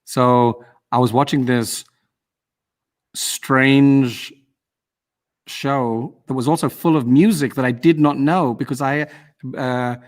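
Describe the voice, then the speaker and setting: A man from the UK hosts a casual interview over a video call. He talks in a chatty, rambling way, circling back on his questions and teasing his guest now and then. His voice sits at an ordinary middle pitch. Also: fairly even intonation, slow pace, long pauses. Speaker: host.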